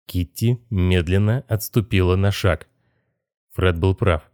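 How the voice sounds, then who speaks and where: A man reads an audiobook in a measured, even narrating voice. His voice sits fairly low, and the recording is dry and close, with no room sound. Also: dry recording. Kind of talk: scripted narration.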